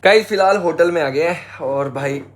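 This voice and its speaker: A young man, a travel vlogger telling the viewers a story in animated casual chat. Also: a little high, normal speed, slight background noise.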